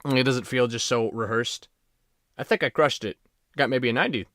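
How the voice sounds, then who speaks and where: A man's voice: medium pitch, moderate pace, fairly bright tone, no room sound, studio quality. A man chatting casually as a gaming streamer, rambling and joking with plenty of swearing. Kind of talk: casual chat while playing and reading game dialogue.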